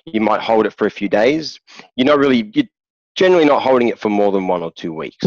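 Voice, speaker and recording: A man, a day trader, explaining his trading in a relaxed interview chat. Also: on the low side, quick pace, dry recording, muffled recording.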